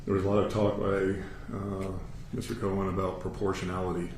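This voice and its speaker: A man with an American accent speaking as a judge, giving a formal sentencing statement in a measured, matter-of-fact, authoritative way. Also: deep voice, completely flat delivery, a little mellow. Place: courtroom. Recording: echoey room, distant mic, faint noise.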